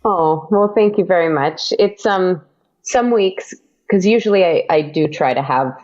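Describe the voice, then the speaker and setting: A woman guesting on a podcast chats casually about making her audio drama, hesitant and full of fillers and restarts. Her voice is on the low side and a little mellow at a measured pace, and the recording sounds muffled.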